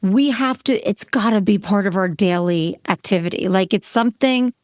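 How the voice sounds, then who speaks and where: A woman's voice: medium pitch, normal speed, darkish tone, no echo, studio quality. A woman co-hosting a podcast, chatting casually with a Jersey accent and telling stories. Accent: New Jersey. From New Jersey. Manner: chatty, storytelling, quotes herself. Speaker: podcast co-host. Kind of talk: casual chat.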